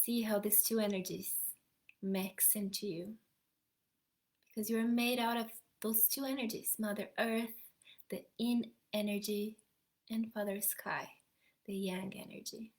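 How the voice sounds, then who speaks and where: A young adult woman, an energy healer, softly leading a guided meditation in a slow, half-whispered voice. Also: mid-range voice, fairly even intonation.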